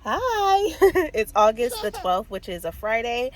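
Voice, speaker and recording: Heavy background noise surrounds a woman in her thirties vlogging about books from her car while stuffed up with a cold. Her slightly high voice moves slowly with big pitch swings, and she rambles casually with lots of fillers and small laughs.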